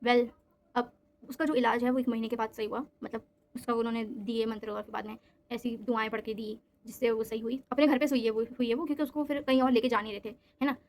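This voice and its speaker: A young woman telling a story in a casual vlog, animated and mixing in English phrases. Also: fairly high pitch, fast talker, slight background noise.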